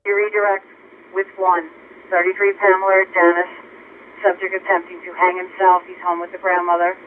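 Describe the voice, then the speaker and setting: A man's voice: high-pitched, monotone, moderate pace. A man working as a police dispatcher, relaying calls in a clipped, businesslike way over a police radio scanner. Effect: heard over a police radio scanner. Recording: tinny radio transmission with faint hiss.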